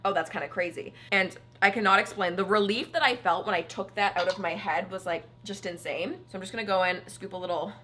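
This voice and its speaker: A young woman talks in a bright, crisp-edged voice at a middle pitch. She is a vlogger in casual storytime mode, chatty and animated. She stretches words for dramatic emphasis. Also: fairly quick, few pauses, slight background noise. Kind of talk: casual chatty storytime while styling hair.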